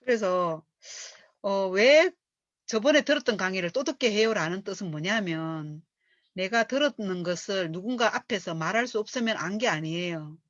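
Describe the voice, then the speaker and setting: A middle-aged woman, reading from a book and coaching on it as a lively storyteller who acts out the speech she quotes. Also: medium pitch, moderate pace, no echo. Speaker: business coach. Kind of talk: reading aloud and lecturing on a book. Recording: dull dry lo-fi recording.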